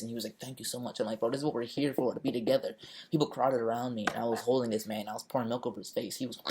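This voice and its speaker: A man's voice: mid-range voice, a little mellow, breathy edge. Emphatic man venting a raw story. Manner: emphatic, profane storytelling that acts out the people in the scene. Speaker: vlogger. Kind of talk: raw personal retelling of a protest.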